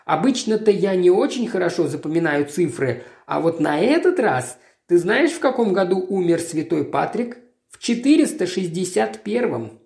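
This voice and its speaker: A woman reading the lines of an earnest man, a writer, speaking in a calm, explanatory way. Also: lowish voice, moderate pace. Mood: chatty. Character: earnest male writer, compassionate then angry. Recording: roomy echo.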